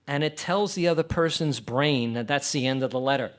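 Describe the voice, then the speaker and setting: Relaxed, reassuring male presenter. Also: medium pitch. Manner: relaxed, reassuring, slows to demonstrate. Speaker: club presenter. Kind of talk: conference presentation.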